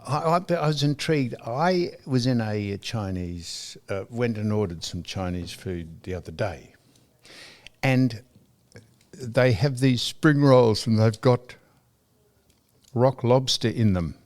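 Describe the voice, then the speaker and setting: Here a mid-range, slightly mellow Australian voice with lively intonation moves slowly through a podcast conversation. As co-host, he rambles through anecdotes, stumbling, starting over and repeating himself.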